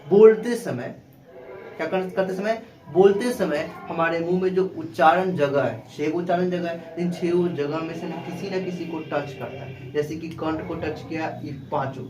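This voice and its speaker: A male teacher with a fairly high voice gives a classroom grammar lesson at a moderate pace over music. He asks questions and repeats the answers himself. The room is echoey, and background noise is clearly audible.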